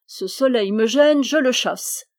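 A woman's voice: on the high side, normal speed, a little mellow, dry recording, clean studio sound, lightly acted. A woman reading the part of a mischievous, boastful male dwarf who mocks and teases in a playful way, in a storybook. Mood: grand. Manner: mocking and playful.

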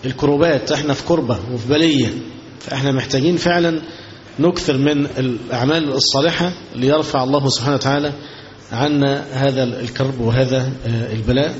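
A man's voice: mid-range voice, fairly even intonation, fast. A man with an Egyptian Arabic accent preaching a sermon in a conversational way, often asking his listeners rhetorical questions. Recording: dull lo-fi recording with faint noise.

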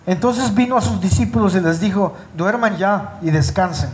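High-voiced preacher man reading scripture slowly. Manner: slows down and stresses words when reading scripture; speaks directly to the congregation. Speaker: pastor. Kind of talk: live Spanish sermon. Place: church sanctuary with congregation.

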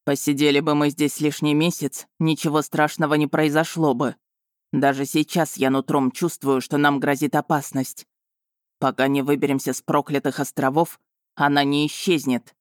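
A woman's voice: low voice, flat delivery, no room sound, clean studio sound, close to an everyday voice. Woman voicing Vargan, a proud male dragon. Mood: measured. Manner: cool, measured, faintly mocking.

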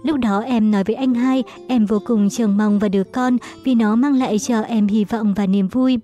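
Woman reading as a gentle, sorrowful elder brother. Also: a little high, moderate pace, soft background music, natural voice. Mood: explaining. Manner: calm, explaining, sorrowful. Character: gentle apologetic elder brother-in-law, young man.

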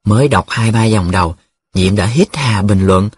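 Brief: male audiobook narrator, husky voice, dry close recording, even storytelling. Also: on the low side, moderate pace, dry recording. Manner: steady storytelling read. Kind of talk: scripted novel narration.

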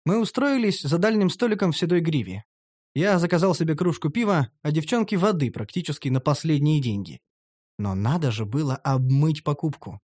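Male narrator, first-person comic fantasy, mocking and sardonic, lively pitch, dry close studio mic. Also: fairly quick, husky, no echo. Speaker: audiobook narrator.

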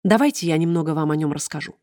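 A woman's voice: low voice, fast talker, warm tone, no echo, studio quality, close to an everyday voice. A woman reading an audiobook, voicing a stern, manipulative female official with a formal, commanding voice. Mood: persuasive.

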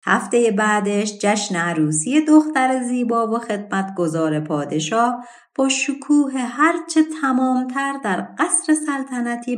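Woman narrating a fairy tale. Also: a little high. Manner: expressive, measured reading. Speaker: audiobook narrator. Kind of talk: storybook narration.

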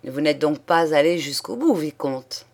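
A proud old aristocratic count, cold and scornful, voiced by a woman reading an audiobook. He speaks in a low, firm voice that stays steady even when he snaps. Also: unhurried. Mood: curt.

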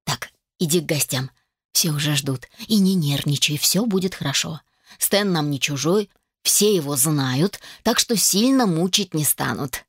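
A woman's voice: low-pitched, expressive, a little slow, slightly rough, no echo, studio quality, pitched below the performer's own voice, heavily acted. Woman voicing a nagging mother. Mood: soothing. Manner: nagging, insistent. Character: fussy middle-aged mother, pushy and doting. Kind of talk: audiobook character voice.

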